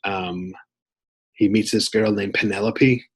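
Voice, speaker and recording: A man casually summarizing a novel aloud, relaxed and loose, with frequent ums and restarts as he retells it. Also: on the low side, slow, husky, poor audio. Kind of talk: casual spoken book summary.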